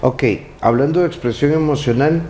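A man's voice: fairly high pitch, moderate pace, dark tone, roomy sound, slight background noise. A man hosting an interview who asks long, winding questions full of hesitations. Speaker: host.

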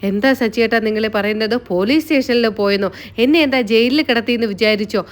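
A woman's voice: fairly high pitch, a little fast, natural voice. A woman reading as a teasing young wife. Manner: playful teasing.

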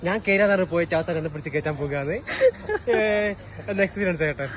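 A high-voiced man with a Kerala Malayalam accent talks over clear outdoor and vehicle noise. His vlog chat is casual, with English words mixed into the Malayalam. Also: fast, a faint crowd. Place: on the road and outdoors at a park. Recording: noisy outdoor sound with vehicle rumble.

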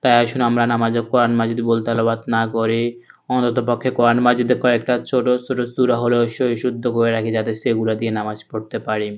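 A man teaching Quran reading to viewers, spelling out each letter and sound slowly before chanting the verse. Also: mid-range voice, completely flat delivery, dull audio. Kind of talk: step-by-step recitation lesson.

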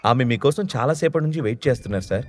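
A man's voice: mid-range voice, animated, racing, darkish tone, no echo, faint music behind, natural voice. A man voicing a polite female receptionist who grumbles under her breath.

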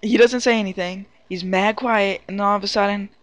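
A man's voice: sits high, steady tone, brisk, fairly bright tone. A man casually telling a rambling story, full of fillers and restarts, hosting his own video. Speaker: video host recounting a prank.

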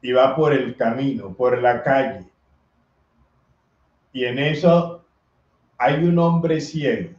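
A priest reads the gospel and gives a homily, speaking earnestly and sometimes shouting out the voices of people in the story. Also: male voice. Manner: slow, earnest preaching that acts out voices from the story in a high, loud shout. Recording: echoey, slightly dull recording.

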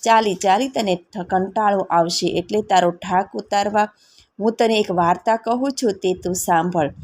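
A woman's voice: mid-range voice, normal speed, a little mellow, lightly acted. A woman voicing a male vetal spirit who offers a king a tale in a storybook reading. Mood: coaxing.

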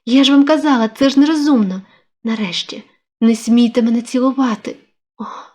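A woman's voice: a little high, brisk, darkish tone, natural voice. A woman voicing a flustered protesting young widow. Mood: agitated. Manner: agitated, protesting, exclaiming. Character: flustered young widow, resisting yet drawn in.

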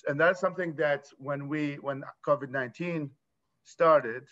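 A man in his thirties from Iraq speaking as a panelist on a video call, earnest and halting with restarts. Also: fairly high pitch, a bit bright. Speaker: panelist, nonprofit founder. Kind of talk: conference panel talk. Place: room at home. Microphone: laptop webcam on video call. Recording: dull lo-fi video call audio.

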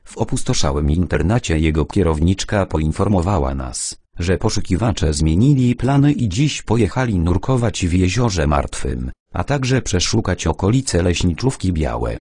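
Male audiobook narrator, first person, calm and measured, low husky voice, dry close recording. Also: no echo.

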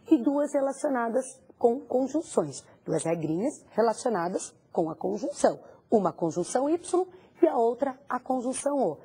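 Very husky woman teacher, lively. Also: on the high side. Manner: asks the student questions and answers them herself. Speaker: Spanish teacher. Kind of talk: recorded language lesson.

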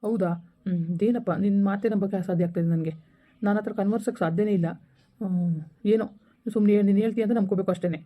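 A woman acting as a defensive, stubborn young husband in a village family drama, talking in a quick, insistent, argumentative way. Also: medium pitch, natural voice. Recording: dull lo-fi recording.

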